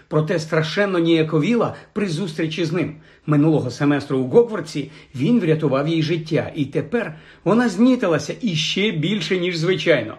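A man narrating an audiobook in a lively, expressive way. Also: a little high.

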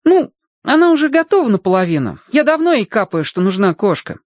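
A man voicing an excitable young boy who pleads and argues eagerly. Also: very high-pitched, fairly quick, dry recording, clean studio sound, pitched above the performer's own voice. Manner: pleading, emphatic.

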